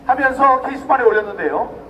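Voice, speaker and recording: A middle-aged man with a strikingly high voice delivers an emphatic outdoor rally speech, turning to the crowd with rhetorical questions. He sounds set back from the microphone, with a faint hiss of open-air noise behind him. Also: animated, a little fast, a bit bright, far from the mic, low-quality recording. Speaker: rally speaker.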